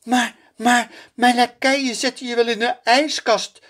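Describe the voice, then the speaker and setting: A man reading a picture book aloud, voicing a young princess in a high, shrill, girlish voice. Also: very animated, a little slow, fairly bright tone, breathy edge, heavily acted. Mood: distressed. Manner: high shrill girlish voice, strict then tearful. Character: young princess, spoiled and bossy but loving.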